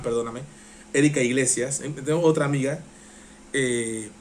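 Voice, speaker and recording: A man with a Panamanian accent hosting a live-stream reaction show, talking passionately and getting worked up. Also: on the high side. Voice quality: strains his voice. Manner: excitable, passionate, gets worked up. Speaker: live-stream political commentator.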